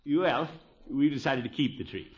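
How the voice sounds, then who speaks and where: An actor playing a blustering, evasive middle-aged uncle in a 1950s radio comedy, stammering and theatrical. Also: male voice, mid-range voice, expressive, moderate pace, close to an everyday voice. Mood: apologetic, evasive. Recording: noisy, muffled old radio broadcast.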